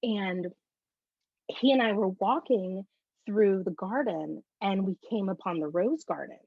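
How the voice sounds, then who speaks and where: A woman guest on a faith interview, sharing a personal testimony in a bubbly, animated storytelling way. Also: medium pitch, a little slow, creaky, no echo. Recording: dull, slightly lo-fi recording.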